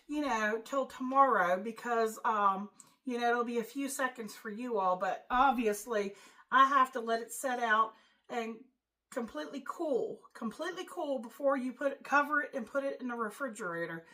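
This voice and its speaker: Middle-aged woman host, homey cooking-demo chatter, pitched a bit high. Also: sharp tone, rough recording. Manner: chatty, homey, with many fillers. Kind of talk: casual cooking demonstration.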